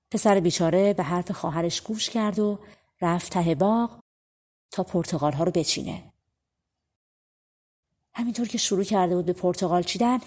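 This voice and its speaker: A woman's voice: fairly low pitch, darkish tone. Woman reading folk tales aloud, chatty storytelling vibe. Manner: conversational, spoken-style telling. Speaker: audiobook reader. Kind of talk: colloquial storybook narration.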